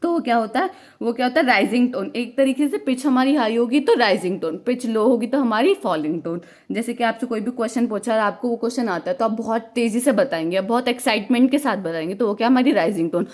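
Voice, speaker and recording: A woman's voice: on the high side, a little mellow. Woman teacher explaining notes. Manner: reads English notes slowly, then explains in Hindi; frequent rhetorical questions and fillers. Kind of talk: exam-prep lecture in Hindi mixed with English.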